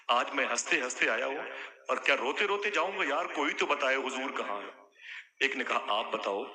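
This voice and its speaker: Man preaching an emotional story to a crowd. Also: medium pitch. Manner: acts out dialogue, rises to loud calls to the crowd. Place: gathering with a crowd. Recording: crowd audible behind the speaker.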